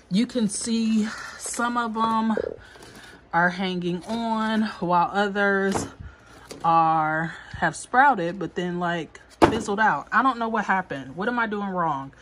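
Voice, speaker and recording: Filmed on a handheld phone, a young gardening vlogger walks viewers through her indoor basement seedling shelves under grow lights. Her voice is fairly low and a bit bright, and though she's a little under the weather with a stuffy nose, she stays chatty and upbeat, speaking directly to the camera with plenty of ums. A bit of hiss or hum sits in the background.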